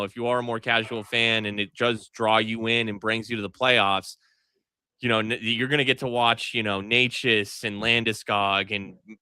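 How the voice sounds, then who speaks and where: A man's voice: mid-range voice, pushed and bright, clean tone, dry recording. A man co-hosting a casual hockey analysis chat, talking through his opinions in an informal way. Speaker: sports show co-host. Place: hockey arena after a game. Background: arena ambient noise.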